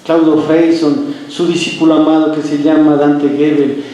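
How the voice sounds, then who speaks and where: A man's voice: a little high, flat delivery, moderate pace, mellow. A male pastor preaching a sermon, emphatic and often asking the congregation rhetorical questions. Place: church sanctuary. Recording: very echoey church room.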